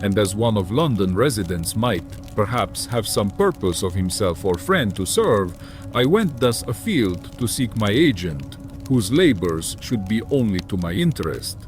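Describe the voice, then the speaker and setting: An actor playing a sinister, courteous vampire count in an audiobook drama, with formal, deliberate, archaic speech and lingering pauses. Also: male voice, lowish voice, very animated, soft background music. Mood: measured, explaining.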